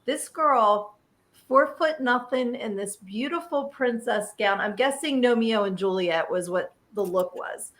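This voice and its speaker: A woman on a casual podcast, recounting a film shoot with lots of laughter. Her voice sits a little high for a woman. She talks in an animated, storytelling way. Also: measured pace.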